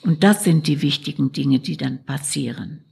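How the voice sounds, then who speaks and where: A woman's voice: low-pitched, creaky, a little mellow, husky. A middle-aged woman, a shaman and psychotherapist, telling her story in an interview in an earnest, reflective way. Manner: earnest, slow and reflective, tags lines with "ne?".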